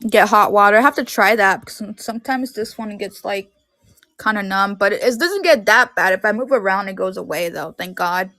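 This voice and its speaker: Woman in her 30s rambling on a live stream, says "like" constantly, dry close sound, middle pitch. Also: brisk, pushed and bright, dry recording. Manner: rambling, heavy use of "like". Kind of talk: casual chat on a live stream. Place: at home in her room.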